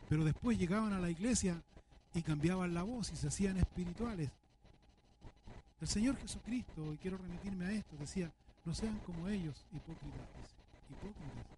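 A man's voice: sits high, dark tone, a little hiss or hum. A man preaching a sermon, earnest and full of rhetorical questions. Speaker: pastor.

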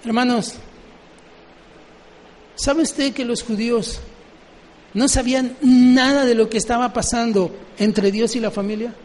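High-voiced man preaching in a hall. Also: fairly even intonation, a little slow, pauses often, darkish tone. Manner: asks the congregation questions. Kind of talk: sermon.

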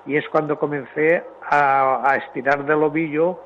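A man calling in to a radio show over a faint phone line, as if the phone is held away from his mouth, telling a rambling story in halting sentences. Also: on the high side, steady tone, slight background noise. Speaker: radio caller, photo collector.

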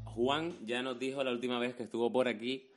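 A man's voice: mid-range voice, fairly even intonation, fairly quick, faint music behind. A man from Spain hosting a casual comedic chat, teasing his co-host and joking. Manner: joking, teasing, does mock voices.

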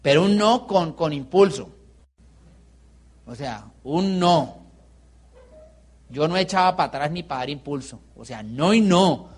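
A man's voice: fairly high pitch, animated, measured pace, pauses often, husky. A man with a Colombian accent giving a motivational business seminar, playful and peppering the audience with rhetorical questions. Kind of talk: live motivational seminar talk.

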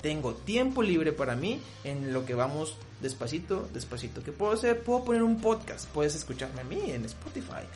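A man's voice: fairly high pitch, normal speed, hardly any pauses, faint music behind. A man with a Mexican Spanish accent hosting a podcast, giving casual relationship advice and acting out both sides of little arguments. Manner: animated, acts out both sides of quoted arguments.

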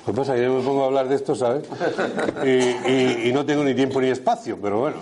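Doctor telling stories to an audience. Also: male voice, mid-range voice, fast, crowd noise. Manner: animated anecdotes, acts out dialogue with patients. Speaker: doctor speaking on a panel. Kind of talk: storytelling talk to an audience.

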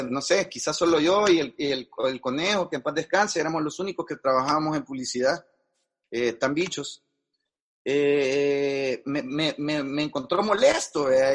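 Hombre salvadoreño de voz ronca y aguda. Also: male voice, fairly high pitch, a bit bright, husky. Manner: frank, slangy, restarts often. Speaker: guest advertising executive. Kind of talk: casual conversational interview.

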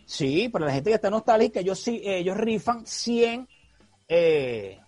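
A man's voice: sits high, big pitch swings, a little slow, darkish tone, no echo. A man co-hosting a podcast, chatting in a laid-back, slangy way. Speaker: podcast co-host. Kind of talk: casual chat.

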